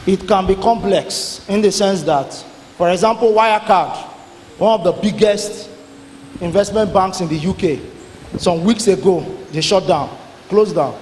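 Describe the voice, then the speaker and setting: A man's voice: high-pitched, a little mellow. A man hosting an investment lecture call, his voice coming through tinny and echoey like in a tin can, speaking in short broken phrases. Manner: talks in short broken phrases with many pauses. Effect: tinny, echoey sound like in a tin can. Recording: echoey room with faint background noise.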